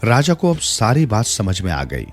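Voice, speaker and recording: A man's voice: fairly low pitch, wildly swooping pitch, moderate pace. A man narrating a moral folk tale in a scripted storytelling style, changing his voice for the characters' lines. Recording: soft music bed behind the voice.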